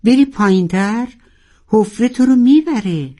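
A storyteller voicing Sagal, a sea creature friend who shouts urgent warnings. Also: mid-range voice, animated, voice pushed up, lightly acted.

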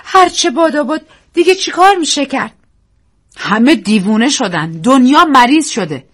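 A woman reading a story, voicing a frightened young woman with high, urgent, anxious lines. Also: expressive. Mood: anxious, excited.

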